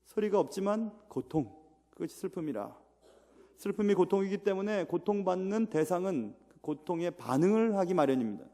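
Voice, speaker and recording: A middle-aged man preaching a sermon as a pastor, swinging between loud rising appeals and low quiet asides. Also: lively intonation, moderate pace. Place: church sanctuary. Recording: long reverb of a church hall.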